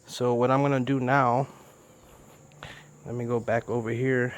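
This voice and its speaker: A man with an ordinary mid-range voice talks through his workshop project in a loose, unscripted way. He explains each step plainly, pausing with "uh" and "um" as he works. Crickets chirp faintly in the background. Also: medium pitch. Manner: relaxed, chatty, step-by-step explaining with fillers. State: a little out of breath. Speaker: DIY boat builder. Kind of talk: casual how-to narration.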